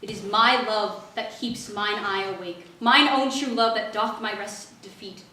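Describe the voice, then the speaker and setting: A woman's voice: medium pitch, fairly even intonation, a little slow, bright, forceful tone. A woman reciting a sonnet as a contestant, with dramatic delivery. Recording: echoey hall, background noise.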